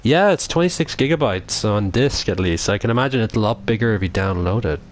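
Fairly quick and animated, this young Dublin gamer has a voice on the low side. He livestreams his game with loose, rambling commentary, swearing plenty and reading chat aloud as he responds.

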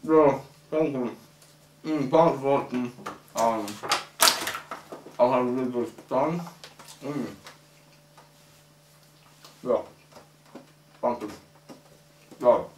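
Slow young man talking with mouth full. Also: mid-range voice, darkish tone, slight background noise. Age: young adult. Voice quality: mumbled, muffled by food. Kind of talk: halting, rambling monologue to camera while eating. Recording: echoey room, distant microphone.

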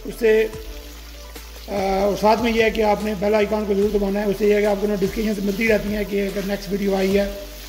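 High-pitched male cooking-vlog host, friendly and methodical, with light music under him. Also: monotone, brisk, darkish tone. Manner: friendly step-by-step explaining, religious greetings. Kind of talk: home cooking tutorial narration.

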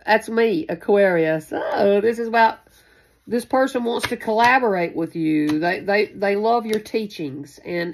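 A woman with a creaky, mid-range voice gives an offhand, improvised tarot reading, rambling and repeating herself in a folksy way and swearing occasionally. She hosts a spiritual channel and sits at a card table in a small room indoors.

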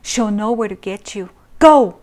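A woman's voice: mid-range voice, unhurried, natural voice. A woman reading as a fierce defiant mother. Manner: urgent and defiant. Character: fierce defiant mother protecting her child.

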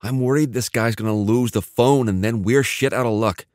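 A male narrator voicing a quick, chirpy male tech expert. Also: mid-range voice, a little mellow, no echo, studio quality, lightly acted.

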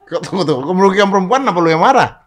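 A man hosting a casual podcast, teasing and probing his guest, often dropping to low mutters. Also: expressive, racing. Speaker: podcast host.

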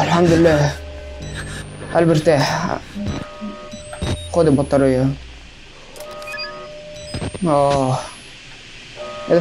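This gaming channel host, a man with an Egyptian Arabic accent, runs a horror game let's play with a fairly high-pitched voice. He panics and jumps, letting out bursts of cries again and again, then turns to joking.

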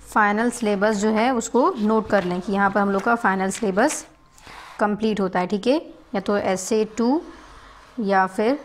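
A woman schoolteacher giving a grammar lesson, slowly dictating Hindi sentences and their translations. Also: mid-range voice, a little hiss or hum. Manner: slow, dictating word by word; mixes Hindi and English, repeats "ठीक है". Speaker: school English teacher. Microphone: recorded lesson video.

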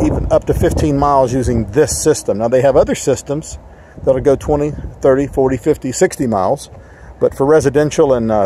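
A man walking around a rural property as he shows how he set up a network link, explaining in a plain, casual way with frequent pauses. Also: fairly high pitch, dark tone, a little hiss or hum, low-quality recording. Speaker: tech installer demonstrating a setup. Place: outdoors on a rural property and inside a barn office. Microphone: handheld phone camera, filming while walking.

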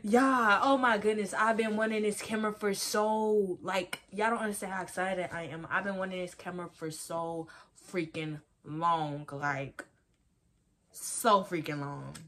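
A woman vlogger talking to her viewers in a casual unboxing video, chatty and excitable. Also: fairly low pitch, measured pace, a little hiss or hum.

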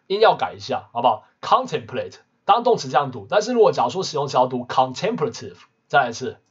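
A man teaching English vocabulary in a casual lesson, constantly adding quick tag questions. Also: medium pitch, very animated, breathy edge. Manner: peppers talk with tag questions. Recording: muffled lo-fi recording.

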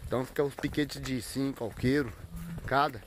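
Brief: male farm vlogger, middle-range voice, casual patter broken by shouted herding calls, outdoors with faint cattle noise behind. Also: mid-range voice, steady tone, fairly quick. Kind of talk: casual farm vlog narration.

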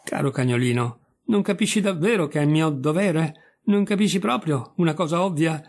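A man voicing a stern, steady male hunting dog that calmly insists in a storybook reading. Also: a little high, normal speed. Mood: firm.

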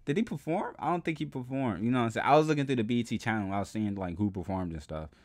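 A young adult man hosts a reaction video, casually responding to a music performance from an indoor room, with a webcam overlay on the video. His mid-range voice is expressive and racing as he rambles and chats, often saying "you know what I'm saying."

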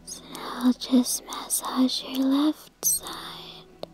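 A woman in a whispered role-play as a spa therapist, soothing and gently guiding the listener in an unhurried way. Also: sits high, little pitch movement.

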